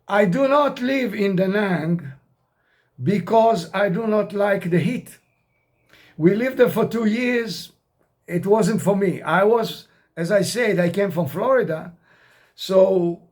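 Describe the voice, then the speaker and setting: An older man from outside America talks to his camera in a high voice. He speaks slowly and wanders off topic, giving blunt advice in broken but confident English. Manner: rambling, direct advice in non-native grammar. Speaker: expat vlogger. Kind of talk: casual talk to camera. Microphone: camera mic.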